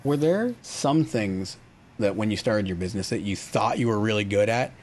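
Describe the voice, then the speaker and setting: A man hosting a casual interview, relaxed and supportive as he asks about starting a business. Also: fairly low pitch, moderate pace. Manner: relaxed, easygoing, supportive, many fillers. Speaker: podcast host.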